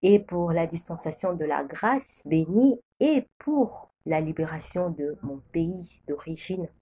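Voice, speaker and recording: A Congolese woman speaks as a preacher sharing a prophecy, her religious testimony marked by solemn, repeated pronouncements. She talks slowly and expressively in a lowish, mellow voice.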